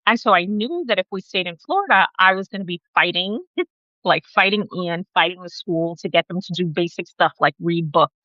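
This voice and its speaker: A woman born in Guyana, talking as an interview guest in a relaxed, conversational way and often adding "right?" to her points, over a video call. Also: on the low side, fairly quick, no echo, highs cut off. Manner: conversational, frequent "right?" asides.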